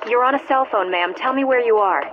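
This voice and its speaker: A woman's voice: on the high side, fairly quick, background noise. A woman playing a composed, procedural American 911 operator in a video game, giving controlled instructions over a phone line. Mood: composed, directive. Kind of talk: acted emergency call in a game. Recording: muffled telephone line.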